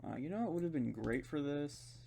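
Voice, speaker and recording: Brisk and lively, this man's voice sits on the high side and sounds creaky yet mellow. He hosts gaming videos, rambling through unscripted commentary and thinking aloud while playing in his room. Keyboard and mouse clicks accompany the hum of a running fan.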